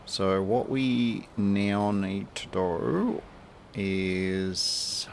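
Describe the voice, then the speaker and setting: A man's voice: low voice, drawn-out words, vocal fry, a little hiss or hum. An Australian man giving casual, rambling commentary as he plays a game, thinking aloud and chatting to the animals on screen. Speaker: game streamer.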